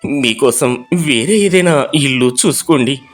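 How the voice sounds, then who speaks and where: A man voicing a weak-willed elder brother who speaks in a low, sorrowful, apologetic way. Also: measured pace, faint music behind, natural voice.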